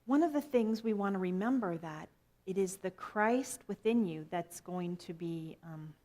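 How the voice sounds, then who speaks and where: A woman's voice: mid-range voice, expressive, unhurried, dark tone. A middle-aged woman minister giving a sermon in a conversational, playful way, with self-deprecating asides.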